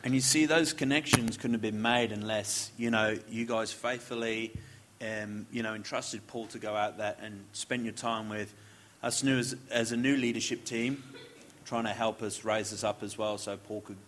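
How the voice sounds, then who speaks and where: Church interviewer guy, deepish voice, friendly affirming, bit of hiss behind. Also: fairly even intonation, moderate pace, fairly bright tone. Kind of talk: casual interview.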